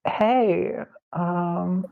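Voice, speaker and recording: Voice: medium pitch, vocal fry, dry recording, narrow, tinny audio. A tabletop player voicing a barefoot, hungry female vampire who hesitantly tries to flirt. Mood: awkward flirting. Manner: hesitant, halting with fillers.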